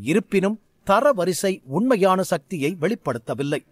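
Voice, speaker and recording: A man narrating a scripted fantasy story in an expressive way. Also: high-pitched, measured pace, dry recording, studio quality.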